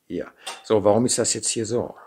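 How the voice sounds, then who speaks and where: A middle-aged man from the Ruhr speaks with a broad Ruhr German accent, his voice low, gravelly and a little husky. He chats and thinks aloud at an indoor workbench, picked up by a camera mic over the table, often ending his sentences with a questioning "ne?". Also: moderate pace, darkish tone. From Ruhr area, Germany. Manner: chatty, thinking aloud while working, frequent "ne?" tags. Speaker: model kit maker. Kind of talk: unscripted hands-on build demonstration. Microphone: camera mic over a tabletop, hands in frame.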